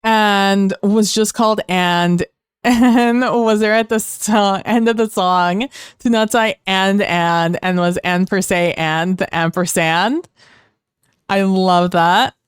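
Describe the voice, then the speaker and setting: A woman's voice: mid-range voice, steady tone, slow pace, smooth, no echo, clean studio sound. A young woman who grew up speaking Spanish, chatting casually on a livestream as she reads chat aloud and rambles. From Mexico. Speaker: streamer.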